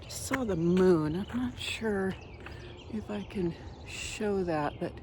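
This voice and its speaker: A woman hosting her own podcast, chatting in an unhurried way with frequent ums and pauses, recorded on a phone. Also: medium pitch, animated, background noise. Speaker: podcast host. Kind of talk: casual chat.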